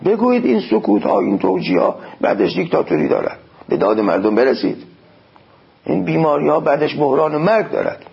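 A man's voice: medium pitch, creaky, slightly rough, highs cut off. A man preaching a sermon, quoting Arabic phrases and explaining them in an exhorting tone. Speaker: cleric.

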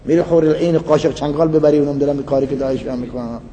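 A man's voice: fairly high pitch, fairly even intonation, warm tone. A male preacher giving a dramatic sermon, quoting verses and explaining them line by line. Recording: echoey hall, faint noise.

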